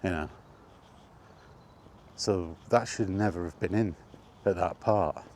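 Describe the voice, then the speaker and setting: Walking outdoors, a man vlogs in a low-pitched, darkish voice, taking it slowly, with slight background noise. He rambles, self-corrects, and grows exasperated while making his point.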